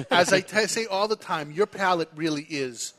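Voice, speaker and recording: A man's voice: high-pitched, moderate pace, fairly bright tone. A man hosting a casual radio chat show, arguing his point emphatically and teasing his co-host.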